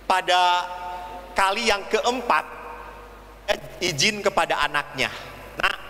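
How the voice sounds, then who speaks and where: Lively high-voiced priest in an echoing hall. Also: male voice, takes it slowly. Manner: lively storytelling, acting out quoted voices. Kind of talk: humorous homily. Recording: reverberant hall with faint ambient noise.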